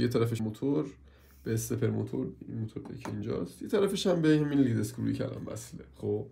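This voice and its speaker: A man with a cold and a hoarse voice, complaining as he reviews a purchase in a casual hands-on video and keeps asking viewers for help. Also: medium pitch, dark tone.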